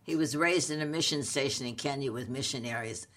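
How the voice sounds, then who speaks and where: Woman, late eighties, New with flavor. Halting, wry, playful conversational storyteller. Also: a bass voice, a bit bright. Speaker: comedic actress, podcast co-host.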